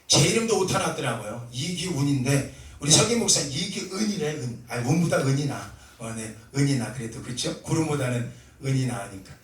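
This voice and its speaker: Animated pastor in an echoing sanctuary. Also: male voice, medium pitch, a little fast. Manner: storytelling, quoting prayers and dialogue with sudden loud rises. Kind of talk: sermon. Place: church sanctuary. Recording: echoey church hall, mic at a distance.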